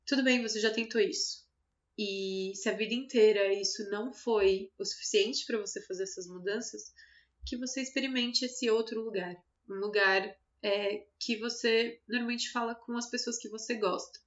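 Brazilian woman giving gentle self-help talk. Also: a little high, steady tone, moderate pace. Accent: Brazilian Portuguese. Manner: gentle, conversational, with light laughs. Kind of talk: motivational self-talk monologue. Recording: slightly dull lo-fi sound.

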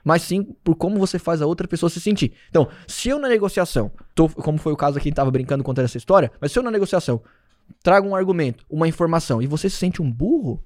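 A man speaks as a podcast guest, explaining and checking in with the listener. He talks quickly in a slightly high voice. The sound is dry and close. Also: animated, a little mellow, no room sound. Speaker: podcast guest, sales lead. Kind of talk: casual podcast chat.

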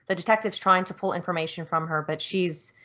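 A woman co-hosting a casual podcast, lively, describing game scenes and laughing easily. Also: fairly low pitch, fairly quick. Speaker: podcast co-host. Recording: dull lo-fi audio.

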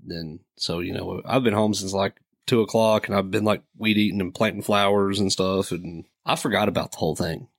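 A man's voice: low voice, steady tone, fairly quick, few pauses, no room sound, clean studio sound. A man, telling a profane story casually on a podcast and laughing through it. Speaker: podcast co-host.

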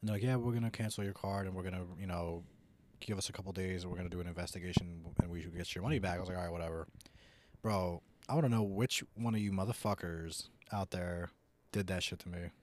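A young man co-hosting a podcast, telling stories in a loud, joking way and swearing casually. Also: low voice, steady tone, fast. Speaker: podcast co-host. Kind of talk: casual chat.

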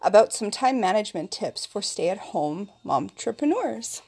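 A woman's voice: mid-range voice, sing-song, measured pace, vocal fry, a little mellow, slightly rough. A woman presenting scripted advice in a vlog, with an upbeat, tidy delivery. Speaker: vlogger giving business tips.

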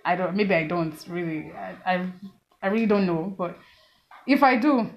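A woman with a Nigerian accent giving casual, measured and somewhat hesitant answers as a podcast guest. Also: lowish voice, dull audio. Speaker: podcast guest, food business owner.

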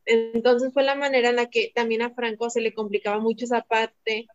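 A woman's voice: a little high, flat delivery, brisk, over music. A woman, a teacher and mother chatting casually as a podcast guest and telling anecdotes with light laughs. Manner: talkative, tells anecdotes, laughs lightly while speaking. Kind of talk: casual conversation. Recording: dull lo-fi audio.

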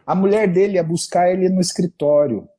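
A middle-aged man tells stories from his practice in a relaxed, mellow voice with a husky grain. He talks in an animated, slangy way and acts out the dialogue as he goes. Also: high-pitched, fairly quick. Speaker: doctor with patients. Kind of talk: casual storytelling in a podcast interview.

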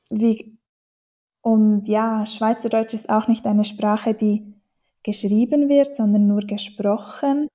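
Her voice sits in the mid range and sounds warm. She's a dialect teacher from German-speaking Switzerland whose Swiss accent colors her thoughtful interview answers, which are full of fillers and restarts.

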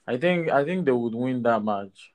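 A man's voice: mid-range voice, lively intonation, normal speed, a little mellow. A man in a casual sports discussion who often tags his phrases with a questioning "right?". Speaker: football podcast panelist.

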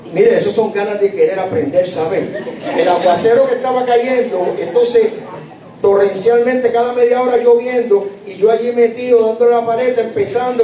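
A man's voice: extremely high pitch, dark tone, a little hiss or hum. A man in his late fifties preaching a chatty, humorous sermon, often asking the congregation questions. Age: late 50s. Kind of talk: conversational sermon.

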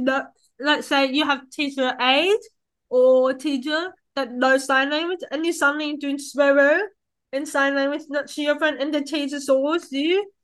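A young woman with a fairly high, somewhat bright voice hosts a podcast in casual conversation. She rambles, restarting sentences and saying "like" a lot, and the recording quality is low.

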